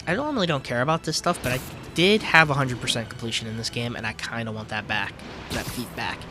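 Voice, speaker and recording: A man talking through his gameplay in a loose, offhand way, swearing freely as he chats. Loud game music plays beneath his voice. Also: mid-range voice, quick pace. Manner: profane, offhand, chatty. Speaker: let's play host. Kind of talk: casual gameplay commentary.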